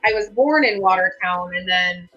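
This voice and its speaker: A woman's voice: fairly low pitch, normal speed, a bit bright, muffled recording, soft background music. A woman from upstate New York hosting a casual livestream chat, talking in a rambling, storytelling way. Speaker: livestream host.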